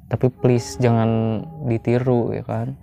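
A man's voice: mid-range voice, monotone, slow, vocal fry, mellow, soft background music. A chatty young man, commenting on a story game and talking to his viewers. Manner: chatty, addresses viewers as friends. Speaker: gaming YouTuber.

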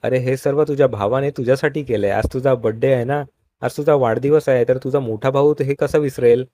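A man's voice: mid-range voice, steady tone, fairly quick, mellow, natural voice. A good-humoured older father cheerfully hurries everyone along, read by a male narrator. His delivery stays plain and close to ordinary talk. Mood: jovial.

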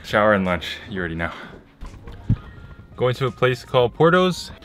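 A man's voice: mid-range voice, sing-song, moderate pace, a bit bright, soft background music. A young man talking casually to camera as a vlogger. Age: young adult. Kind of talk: casual vlog chat.

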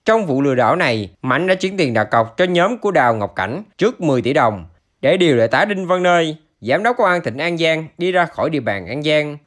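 Male news narrator, higher-pitched voice, very varied intonation, formal scripted delivery. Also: big pitch swings, a little fast, a bit bright.

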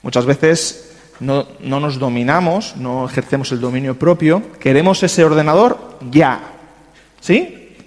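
A man's voice: medium pitch, measured pace. A man teaching a church class on money, conversational and often checking in with the audience with short tag questions. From Spain. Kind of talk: church lesson on finances. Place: church hall. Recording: long hall reverb.

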